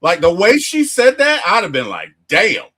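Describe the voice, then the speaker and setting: A man hosting a casual movie review chat, retelling the plot with animated storytelling and acting out the characters' lines. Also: high-pitched, normal speed. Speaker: movie review podcast host.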